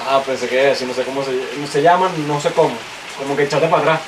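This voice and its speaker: A man's voice: medium pitch, fast, recorded from a distance, a crowd in the background. A young man co-hosting a podcast, clowning around and laughing a lot. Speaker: podcast co-host. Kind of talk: casual chat. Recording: roomy, off-mic, noisy.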